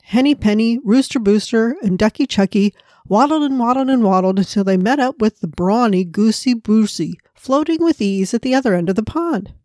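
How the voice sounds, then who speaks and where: A woman's voice: on the high side, expressive, moderate pace, darkish tone, no echo, studio quality. A woman hosting a devotional podcast, speaking in an earnest, prayerful way and narrating a children's story. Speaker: podcast host.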